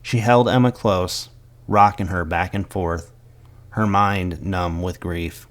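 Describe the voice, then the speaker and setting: A man reading a scripted horror story aloud in a dramatic, measured storytelling delivery. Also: sits low, fairly even intonation.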